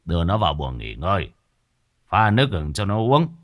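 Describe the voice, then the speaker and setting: A man voicing an old village exorcist who speaks in a stern, commanding, measured way. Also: deep voice, big pitch swings.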